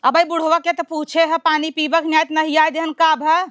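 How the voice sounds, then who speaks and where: A woman with an Awadhi accent playing a sharp-tongued, cursing village mother-in-law in a comedy sketch. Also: sits high, level tone, fairly quick, no room sound, clean studio sound. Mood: scolding. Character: scolding old village mother-in-law under sixty.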